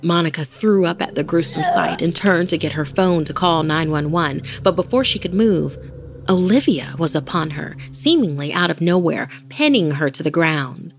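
A woman's voice: low voice, expressive, moderate pace. A woman host narrating a horror story in a dramatic scripted style. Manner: dramatic, varying pace with the tension. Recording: faint music bed.

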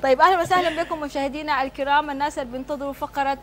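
Sudanese lady tv host, high voice, talks fast, chatty prize-show style. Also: fairly even intonation, slight background noise. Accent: Sudanese Arabic. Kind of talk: live TV presenting, reading messages and announcing prizes. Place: TV studio, standing.

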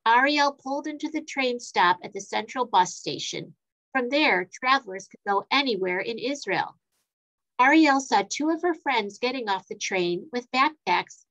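A woman reading a children's story aloud, expressive and playing with sound effects. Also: on the high side, moderate pace, rough recording.

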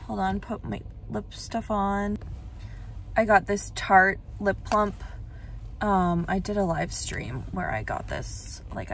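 A woman's voice: medium pitch, a little hiss or hum. A young woman vlogging casually, chatting with lots of "like" fillers and easy laughs while out running errands. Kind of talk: casual vlog chat. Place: car and errands, in and out of doors.

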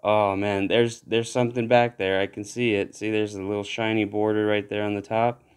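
A man giving casual commentary while opening trading card packs, relaxed but breaking into excited exclamations at good pulls. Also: lowish voice, normal speed, clean tone. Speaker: card pack opener.

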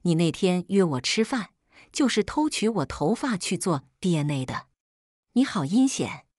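A woman's voice: lowish voice, sing-song, moderate pace, a little mellow, no room sound, clean studio sound. A woman voicing a defiant, scheming young woman who argues shrilly, in a storybook reading. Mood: bitter. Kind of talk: storybook narration.

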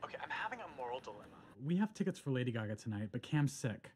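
An actor playing an anxious, guilt-ridden husband in a sitcom. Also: male voice, mid-range voice, sing-song, a little mellow, slight background noise, lightly acted. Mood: fretful. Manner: fretful, quick. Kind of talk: sitcom acting.

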